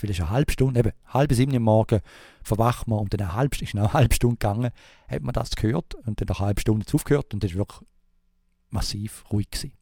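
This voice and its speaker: A man with a Swiss German accent rambles quickly through an anecdote, pausing on fillers and restarting his sentences. His low voice is gravelly and dark. The recording is dry and close. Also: no echo. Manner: rambling, halting, many fillers and restarts, imitates thumping sounds. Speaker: storyteller. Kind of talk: casual spoken anecdote.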